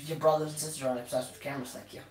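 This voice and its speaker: A man's voice: medium pitch, level tone, very fast, distant mic, a crowd in the background. Joking guy, off-mic in an echoey room. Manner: joking, interrupting. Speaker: co-host reading chat questions. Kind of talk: casual live stream chat.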